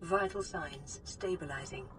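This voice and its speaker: A woman voicing a gentle, calm female care-robot computer in a game, with a synthetic tone and even, reassuring announcements. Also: low-pitched, unhurried, noisy background. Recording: game audio from afar over music.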